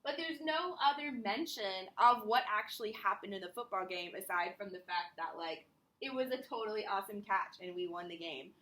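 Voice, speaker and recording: A woman's voice: medium pitch, moderate pace, bright, forceful tone. A woman teacher explaining a history lesson, correcting herself as she goes. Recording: echoey room.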